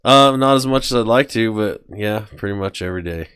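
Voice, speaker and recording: Podcast host guy, smooth voice, dry sound, reads the news stuff and jokes around. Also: on the low side, fairly quick, a bit bright, no room sound. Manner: reads news stories aloud, joking. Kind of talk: casual podcast banter.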